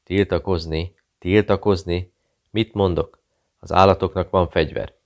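A man puts on a frightened barkeeper in an audiobook, a Serbian man who speaks in short broken phrases. He keeps his voice hushed and guarded. The voice sits very low with a gravelly edge. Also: steady tone, highs cut off. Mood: fearful. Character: Serbian male barkeeper, nervous, secretive, broken speech.

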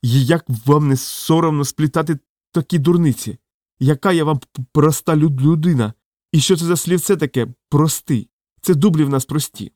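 A man reading an audiobook, voicing a kindly old male wizard who stammers and talks slowly. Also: on the high side, no room sound, clean studio sound, lightly acted. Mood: indignant. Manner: stammering, slow, gently exasperated. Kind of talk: audiobook character voice.

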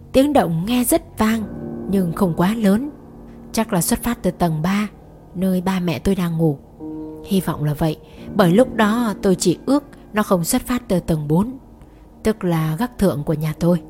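A woman reading a first-person horror story aloud in a measured, suspenseful manner. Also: mid-range voice. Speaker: narrator. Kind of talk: scripted horror story narration. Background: soft music.

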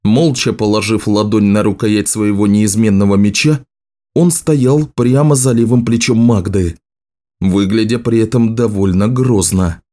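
A man's voice: lowish voice, steady tone, unhurried, dark tone. A man steadily reading a fantasy novel aloud as the audiobook narrator.

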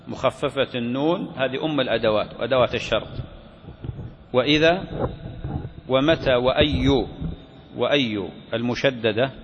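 Man teaching a religious lesson. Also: medium pitch. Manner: explains step by step, asks and answers his own questions. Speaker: sheikh teaching a fiqh text. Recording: dull recording in a reverberant hall with faint noise.

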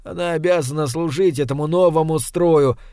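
A man reading an audiobook gives voice to the hoarse, weary, defiant last man alive as he lies dying. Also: a little high, no echo, clean studio sound, lightly acted. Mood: bitter. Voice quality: hoarse, quiet and slow.

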